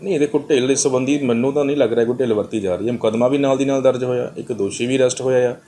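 A man's voice: medium pitch, fairly even intonation, racing, warm tone. A man with an Indian Punjabi accent, a police officer giving an official statement to the press.

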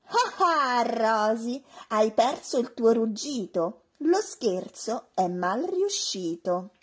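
A woman's voice: a little high, very animated, slow, breathy edge, full character voice. A woman voicing a group of teasing young dinosaur friends from a children's storybook, in a singsong taunting chant. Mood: mocking.

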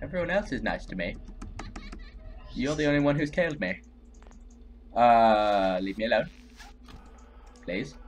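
While playing a horror game on webcam at his computer indoors, a young man hosts with dramatic commentary, complaining and exclaiming. His medium-pitched voice is animated but unhurried, with frequent pauses, and soft music plays in the background.

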